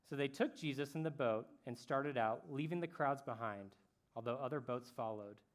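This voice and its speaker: A man speaking as a camp speaker, telling a story in a casual, slangy way that swings between loud bursts and hushed moments. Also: medium pitch, normal speed. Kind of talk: youth camp talk.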